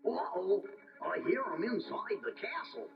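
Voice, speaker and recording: A man's voice: high voice, lively intonation, a little slow, gravelly, recorded from a distance, heavily acted. A man voicing a good-natured, dim, easily spooked male cartoon dog with a goofy drawl in a children's storybook recording. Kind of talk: children's storybook audio narration and dialogue. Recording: muffled lo-fi toy tape.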